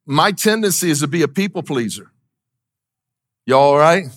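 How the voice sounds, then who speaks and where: Higher-voiced man preaching a sermon. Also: expressive, moderate pace. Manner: conversational, asks the congregation questions. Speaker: pastor. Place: church.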